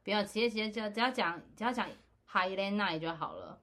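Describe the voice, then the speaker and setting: A woman co-hosting a relaxed podcast chat. She teases her friend and laughs often while she explains things. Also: mid-range voice, fast talker. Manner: teasing, laughs often while teaching words. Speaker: podcast co-host. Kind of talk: casual chat.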